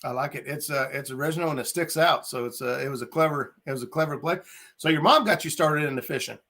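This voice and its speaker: A man's voice: fairly high pitch, quick pace, bright, forceful tone. A man hosting a casual fishing chat show, talking in a friendly, filler-heavy way and greeting viewers by name. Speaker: podcast host.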